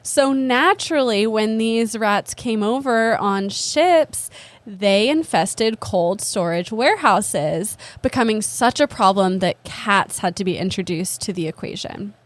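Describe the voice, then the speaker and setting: A woman's voice: medium pitch, lively intonation, a little slow, no echo. A young woman co-hosting a podcast, telling an odd history story in a casual, self-deprecating way, full of "like". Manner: chatty, self-deprecating, lots of "like". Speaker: podcast co-host. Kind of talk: casual comedic history chat.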